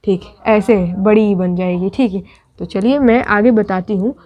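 A woman's voice: mid-range voice, normal speed, a little mellow. A woman teaching Urdu script step by step, patiently walking students through each letter and checking in often. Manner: patient, repeats and checks with "thik". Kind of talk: step-by-step writing lesson.

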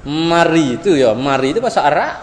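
High-voiced Patani Malay teacher in echoey hall. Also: male voice, normal speed. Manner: animated, repeats sounds for students, chuckles often. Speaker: Quran recitation teacher. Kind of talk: classroom teaching. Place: classroom. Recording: echoey hall with faint background noise.

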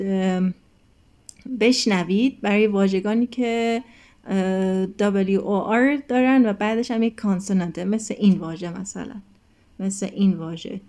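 A woman teaching an English lesson in a recorded video, explaining in Persian and reading English words and sentences aloud slowly. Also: mid-range voice, warm tone. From Iran.

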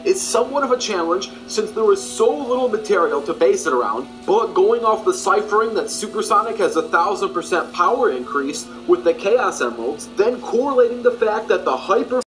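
A man reading a scripted video narration in a brisk, matter-of-fact, informative way. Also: high-pitched, animated, fairly bright tone, rough recording. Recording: background music.

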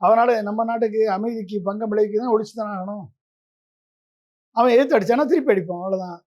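Combative high-voiced male interview guest. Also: fast, darkish tone, lo-fi sound. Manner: combative, fires rhetorical questions. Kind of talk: political interview.

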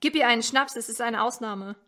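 A woman reading the lines of an impatient father who gives brisk orders. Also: on the high side, bright, forceful tone. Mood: commanding. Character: flustered father, impatient and commanding.

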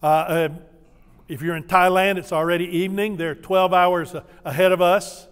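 An older visiting missionary preaches in a big church sanctuary, his high voice clean, fairly even in intonation, and at a normal speed. His sermon is folksy and funny, full of stories, and he gets the congregation to echo greetings back in call-and-response.

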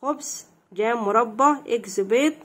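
Teaching English with an Egyptian Arabic accent, this young woman speaks a little high and slightly bright. Every line gets a slow, clear reading followed by a translation and explanation, and she asks questions only to answer them herself.

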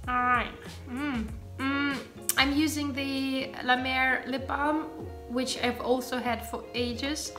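Over music, a high, steady female voice takes her time talking through a skincare routine at home in her bedroom. The beauty vlogger is in her thirties, Ukrainian-born and a native Russian speaker, with light British-tinged English over Russian and German roots; she's chatty and rambling, often saying um, wandering into asides and correcting herself.

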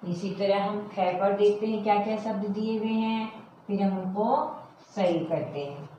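A woman school teacher giving a primary-school language lesson, repeating words slowly and asking the class checking questions. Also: medium pitch, fairly even intonation, warm tone, dull audio. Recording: very echoey, distant, faint hiss.

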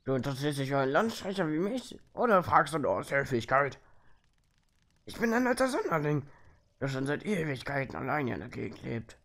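A man's voice: mid-range voice, sing-song, brisk, a bit bright. A man voicing a grumpy, world-weary old hermit, reading out video game dialogue in a grumbling way.

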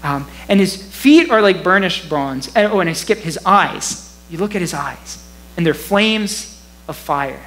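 A man with a rather high voice delivers a sermon from the pulpit. He talks in a loose, conversational way, chuckling now and then. There's a faint hum under his voice. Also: unhurried, low-quality recording. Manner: conversational, animated, laughs often. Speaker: pastor. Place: church.

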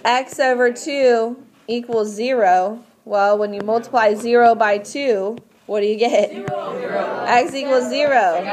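A woman's voice: on the high side, a little slow, few pauses, a little mellow, a faint crowd. A woman teaching a math class step by step in a patient, instructive way, often asking questions to check understanding. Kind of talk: classroom lesson, explaining step by step.

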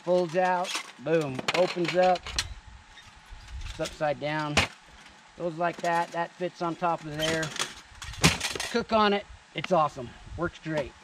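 A man in his thirties casually demonstrating camping gear outdoors, chatting to viewers in a relaxed way. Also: on the high side, takes it slowly, long pauses, very noisy. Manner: relaxed, chatty, addresses viewers as "you guys". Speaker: vlogger showing camping gear. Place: forest clearing outdoors. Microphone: camera on a tripod and handheld selfie camera.

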